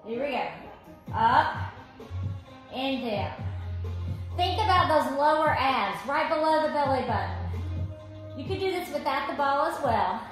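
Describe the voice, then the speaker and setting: High-pitched woman, encouraging aerobics instructor. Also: lively intonation, a little slow, pauses often. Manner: encouraging aerobics-instructor cueing while exercising, with exclamations. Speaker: aerobics instructor leading a core workout. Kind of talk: live exercise class instruction with counting and cueing. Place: living room with hard wood floor, indoors. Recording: very echoey room, faint music behind.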